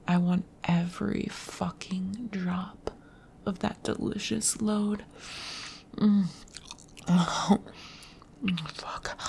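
A young woman whispering softly in an intimate audio roleplay, unhurried and teasing. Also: fairly low pitch, gravelly, a little hiss or hum. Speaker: adult audio creator.

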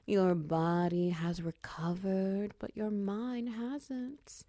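A woman performing an intimate audio roleplay, speaking slowly and softly with a teasing manner that often drops into whispers. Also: medium pitch, fairly even intonation, no room sound, clean studio sound. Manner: slow, soft and teasing, dipping into whispers.

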